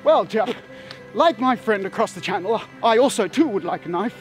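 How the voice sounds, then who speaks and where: Guy doing a stiff posh englishman, pitched up, proper. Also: expressive, moderate pace, faint music behind. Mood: proud. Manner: put-on posh English accent. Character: stiff patriotic Englishman in a joke.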